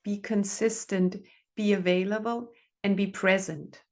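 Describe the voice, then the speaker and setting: A woman's voice: mid-range voice, fairly even intonation, measured pace. A middle-aged woman therapist, giving earnest advice in conversation and repeating phrases for emphasis. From Denmark. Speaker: relationship therapist, podcast guest.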